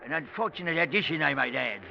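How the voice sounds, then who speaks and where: An actor playing a stuffy, formal older English army captain in a radio drama, pompous and gravelly. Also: male voice, a little high, expressive, quick pace. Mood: stuffy, disapproving. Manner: pompous, hesitant. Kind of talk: mid-century radio drama acting. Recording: muffled old radio recording, faint noise.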